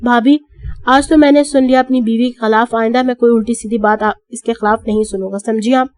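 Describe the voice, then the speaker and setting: A woman voicing a calm, firm young man in an audiobook, cool and measured. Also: fairly high pitch, no echo, clean studio sound, close to an everyday voice.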